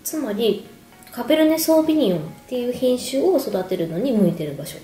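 Mellow woman chatting over a drink, echoey room. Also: fairly high pitch, expressive, a little fast. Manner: talking while sipping a drink and snacking. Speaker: wine explainer, video host. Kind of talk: casual explanatory talk to camera. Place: echoey indoor room at home. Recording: echoey room with background music. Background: music.

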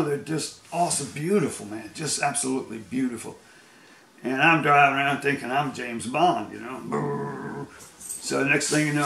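Laughing often, a man from the United States spins loose, rambling tales from the road in a folksy, casual way. His voice is fairly high, gravelly, and a bit bright, and it echoes around the room.

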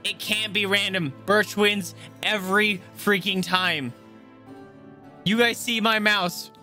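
A young man giving casual, excitable, sweary live commentary as he streams a game. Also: sits high, slow pace. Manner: excitable, profane. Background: game music.

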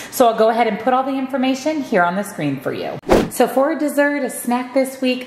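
A woman's voice: mid-range voice, slight background noise. A woman hosting a cooking channel, talking viewers through a meal prep step by step in a friendly voice-over.

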